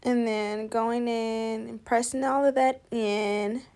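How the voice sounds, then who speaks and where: A woman's voice: a little high, level tone, takes it slowly, darkish tone. A young woman chatting casually through a makeup tutorial voice-over, easygoing and talking through each step. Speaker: makeup artist.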